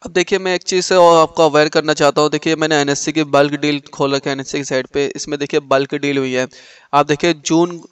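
A man runs through share prices and charts for his viewers, walking them through each figure. His voice sits a little high, crisp and clean, recorded dry and close with no room sound. He keeps a level, even tone. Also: dry recording. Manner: explanatory, repeats "dekhiye". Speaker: stock market channel host. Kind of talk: screen-share market analysis.

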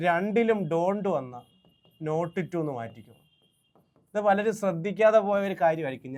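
A man with a Malayali accent teaching an exam-prep grammar lesson. His voice sits a little higher than most men's. He drills each rule by saying it again and stops to ask whether everyone follows. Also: darkish tone. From Kerala. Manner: drills rules by repeating them and checking "understood?".

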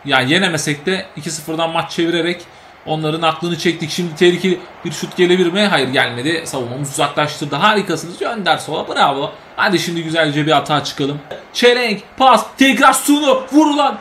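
High-voiced excitable man commentating gameplay. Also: fairly quick, a little hiss or hum. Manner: excitable, shouts at the game, chatty asides to viewers. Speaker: gaming YouTuber.

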